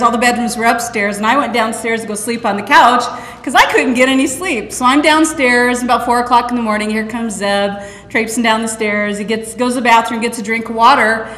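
A woman's voice: a little high, a bit bright. Earnest woman speaking in an echoey hall. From Northeast Nebraska. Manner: earnest, direct, acts out quoted dialogue. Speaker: conference speaker. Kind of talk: personal testimony talk. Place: school conference hall. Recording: echoey hall, long reverb.

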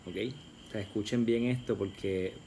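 A man's voice: on the low side, steady tone, normal speed, crowd noise. A man in his thirties from Puerto Rico with a Puerto Rican accent, hosting a family vlog in a playful, mock-serious joking way. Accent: Puerto Rican Spanish. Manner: playful, mock-solemn comic. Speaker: vlog host, father. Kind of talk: casual family vlog chat.

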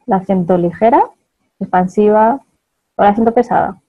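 A woman's voice: medium pitch, moderate pace, narrow, tinny audio. A woman with a Spain Spanish accent giving a chatty motivational talk to an audience, laughing often and checking in with her listeners.

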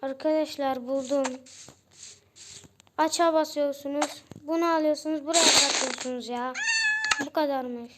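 A woman's voice: sits high, fairly even intonation, a little slow, pauses often. A young girl narrating her gameplay casually for a video channel, constantly addressing her viewers as friends. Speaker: gaming channel host. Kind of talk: casual game commentary. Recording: loud background noise.

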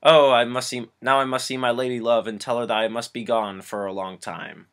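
A man's voice: medium pitch, steady tone, brisk, a bit bright, natural voice. A man mimicking a melodramatic castaway hero in an overwrought, mock-dramatic way.

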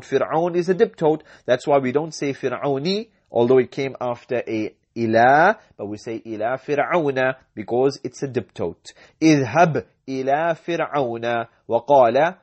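A man teaching an Arabic lesson. He reads each sentence, translates it, and explains the grammar, repeating words with care. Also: medium pitch. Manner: slow, careful delivery that repeats each word. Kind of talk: language lesson.

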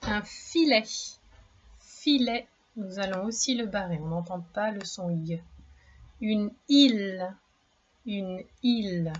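A woman guides young children through a reading lesson at a very unhurried pace, drawing out each word and syllable with patient encouragement. Her mid-pitched voice comes through a slightly dull, lo-fi recording. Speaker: primary school reading teacher.

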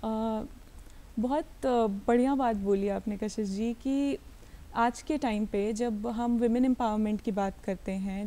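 Woman host on tv, mellow voice, slow careful questions. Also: mid-range voice. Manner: measured, asks long winding questions. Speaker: TV interview host. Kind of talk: broadcast interview.

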